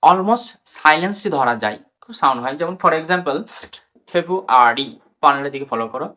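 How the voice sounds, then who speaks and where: Bright-voiced Bengali man teaching pronunciation. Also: on the high side, lively intonation. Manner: spells words letter by letter and repeats them slowly. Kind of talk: spoken English lesson.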